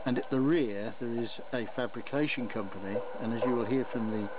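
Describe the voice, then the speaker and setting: Male hobby presenter, mid-pitched, matter-of-fact explanatory narration, phone-like audio with clear background noise. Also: fairly quick. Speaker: model railway hobbyist presenter.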